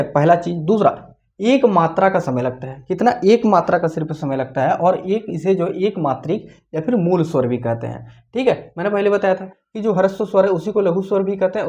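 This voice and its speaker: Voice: medium pitch, a little mellow. Teacher quizzing and answering aloud. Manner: asks the class questions and answers them, repeating key points; slows down to say the vowel sounds out clearly. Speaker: Hindi grammar teacher. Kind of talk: online exam-prep lesson.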